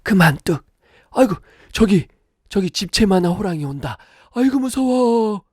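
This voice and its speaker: A man voicing an old grandmother who soothes and scolds a crying baby in a high, shrill voice. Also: expressive, normal speed, no room sound, studio quality. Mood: mock fright.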